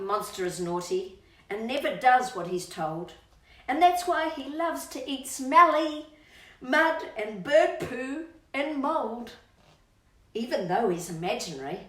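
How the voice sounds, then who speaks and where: A woman with a slightly high, somewhat bright voice reads to children as a storytime channel host, expressive and sing-song, drawing out words. She speaks to her pet dog at times, heard through a distant microphone with roomy echo.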